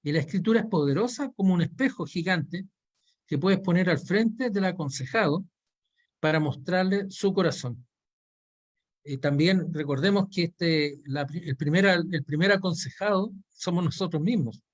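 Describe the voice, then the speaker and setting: A man teaching a Bible counseling lesson, explaining a diagram step by step. He speaks in a measured way, and his voice sits a little higher than most men's. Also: muffled recording. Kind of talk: online course lesson.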